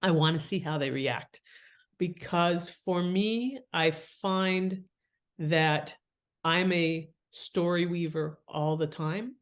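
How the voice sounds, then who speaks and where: Here the podcast guest, a fiction author and editor, speaks slowly in a lowish voice. Her casual, lively interview talk is chatty and expressive, punctuated by acted-out asides and imagined thoughts.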